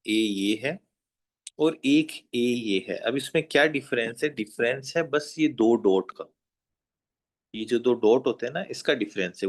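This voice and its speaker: Man, language teacher, slow delivery, patient repetition, classroom lesson. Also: medium pitch. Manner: slow, patient, repeats each sound and checks students are writing. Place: classroom with whiteboard.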